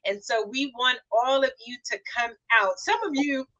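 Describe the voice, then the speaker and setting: Bright-voiced woman hosting a live stream. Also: sits high, normal speed, no echo, lo-fi sound. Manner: upbeat, promotional, warm thanks to guests. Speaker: host and founder of the show. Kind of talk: livestream talk show hosting.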